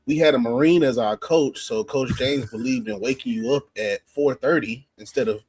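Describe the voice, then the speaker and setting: Husky-voiced man bantering about football. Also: mid-range voice, moderate pace, darkish tone. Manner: joking, laughing, profane banter. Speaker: podcast co-host, former juco football player. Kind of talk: casual sports chat.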